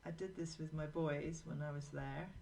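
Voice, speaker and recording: A low-pitched woman hosts a live-streamed drawing session, talking to her viewers as she works. Her talk is rambling and anecdotal, with the easy flow of someone thinking aloud, and a faint hiss sits under the voice. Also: steady tone, moderate pace, creaky, darkish tone, poor audio. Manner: rambling, anecdotal, talks to viewers while working. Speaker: live drawing show host. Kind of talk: chatty live-stream narration while drawing.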